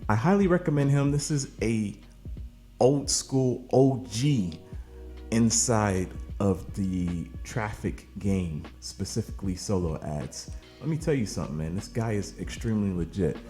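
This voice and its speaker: On the low side with lively intonation, a dark tone, and normal speed, this man talks over soft music. He hosts an online marketing channel and, tired from late-night recording, casually hypes offers to camera, calling his viewers "baby" and "man."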